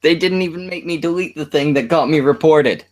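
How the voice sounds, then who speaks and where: A man's voice: a little high, brisk. A man hosting a stream, telling a long crude story in rambling casual chat. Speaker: stream host.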